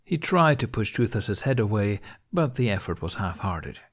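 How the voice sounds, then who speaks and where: As an audiobook narrator, a man reads scripted fiction aloud in a measured storytelling style. His voice is fairly low and slightly rough, with big swings in pitch.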